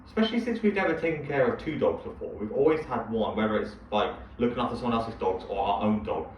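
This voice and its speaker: A man's voice: fairly low pitch, animated, fast talker. A young man co-hosting a podcast, chatting casually and rambling through stories with laughs. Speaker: podcast co-host. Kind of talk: casual chat. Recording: echoey, distant, dull sound with faint hiss.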